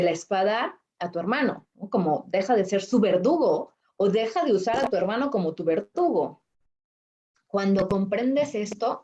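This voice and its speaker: A woman's voice: warm tone, dull audio. Woman coach talking spirit and healing. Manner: explains patiently, acts out quoted thoughts with rising pitch. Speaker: life coach and host. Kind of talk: reflective spiritual conversation on a live stream.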